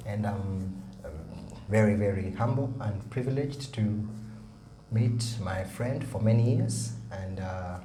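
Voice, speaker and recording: A man hosts a casual interview and encourages his guest with a steady stream of okays and mm-hmms. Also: lowish voice, measured pace. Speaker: interviewer, host. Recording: echoey room with clear background noise.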